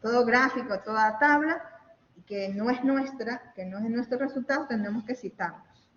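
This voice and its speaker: Female lecturer, fairly high voice, patient step-by-step delivery; long hall echo, muffled lo-fi line. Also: moderate pace, fairly bright tone. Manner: explaining step by step, often checking with "¿ok?" and "¿no?". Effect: echoing, hall-like reverb. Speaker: university lecturer. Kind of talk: online class lecture. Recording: echoey, dull audio with faint hiss.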